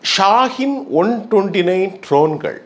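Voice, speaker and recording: A man, a journalist, giving news analysis commentary, listing items in a measured, emphatic cadence. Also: sits high, lively intonation.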